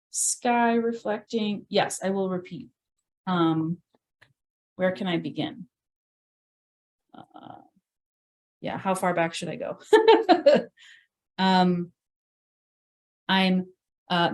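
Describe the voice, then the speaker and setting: A woman leading a live virtual painting class, chatting and thinking aloud as she paints, often laughing at herself. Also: on the low side. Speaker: painting instructor. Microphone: video call.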